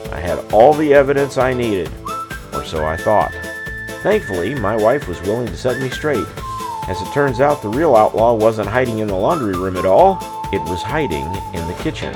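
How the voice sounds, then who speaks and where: An American man hosting and reciting cowboy poetry in a folksy, wry, plain-spoken storytelling style. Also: fairly low pitch.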